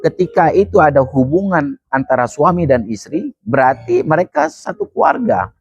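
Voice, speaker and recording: A man's voice: fairly high pitch, very animated, moderate pace, creaky, a little mellow, slightly rough, dry recording, dull audio, soft background music. A man answers interview questions as a legal expert, explaining points emphatically and repeating key phrases. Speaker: criminal law expert.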